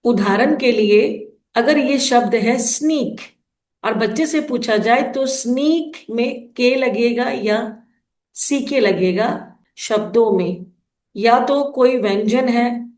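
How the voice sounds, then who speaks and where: A woman's voice: fairly high pitch, darkish tone, echoey room. A woman explaining phonics rules to teachers in an instructional lesson, sounding out letters one at a time.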